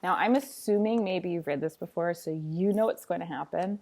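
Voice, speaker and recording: A woman with a lowish, slightly mellow voice reads a picture book aloud at normal speed, teacher-style. Her delivery is sing-songy, playful, and dramatic, sprinkled with chatty asides.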